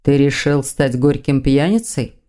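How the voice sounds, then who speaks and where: A composed elder male demon who heads an academy, measured and quietly mocking, as a woman reads him aloud. His lines come low and unhurried, with a dark, mellow tone. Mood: dry. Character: older male demon, academy rector and calm father.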